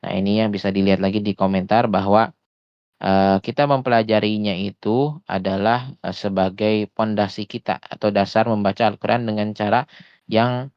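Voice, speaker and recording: Over voice chat, likely on a headset or desktop mic, a man teaches Quran recitation in a steady, low, smooth and resonant voice. He is patient, pausing at small hesitations and slowing down often to demonstrate sounds. There is no echo, and the sound is dry, a little dull and lo-fi.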